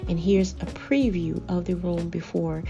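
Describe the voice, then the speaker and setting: Female home decor vlogger, scripted narration, lowish pitch with vocal fry, measured phrasing. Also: fairly even intonation, highs cut off. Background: background music.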